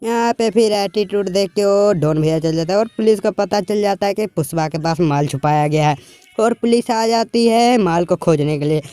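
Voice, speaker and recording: Brief: male movie-recap vlogger, high and mellow voice, casual plot retelling with quoted lines. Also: clean tone, no room sound. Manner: retells dialogue as quick plain quotes in colloquial speech.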